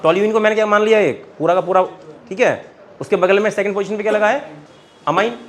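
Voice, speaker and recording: A man with an Indian Hindi accent teaching chemistry naming, asking students question after question and calling them beta. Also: high-pitched. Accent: Hindi-speaking Indian. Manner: keeps quizzing students, calls them beta. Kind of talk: classroom lecture at a board.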